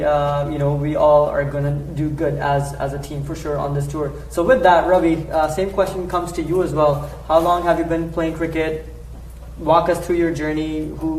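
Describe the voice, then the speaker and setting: A man in his thirties moderates a press conference, politely prompting each speaker with plenty of fillers. His voice sits a little high and stays level. He is heard from a distance in an echoing room with faint background noise. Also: a little mellow.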